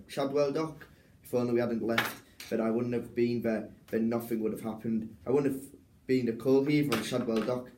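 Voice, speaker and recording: A meek, self-excusing convict pleads in a rambling Irish lilt that slips in and out, as a young man acts him out in rehearsal. The voice is mellow and unforced, sitting at an everyday pitch. A roomy echo hangs around every line. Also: lightly acted. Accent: put-on Irish, wavering. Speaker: drama student. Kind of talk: rehearsed stage reading.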